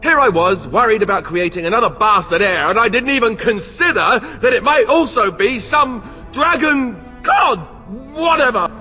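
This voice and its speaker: A man's voice: mid-range voice, very animated, a little slow, a bit bright, soft background music. An actor playing a boyish, sarcastic young king-to-be in a fantasy game, joking and exasperated, in a reverberant space. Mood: sarcastic outrage. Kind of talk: dramatic fantasy game dialogue. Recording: long reverberant hall echo.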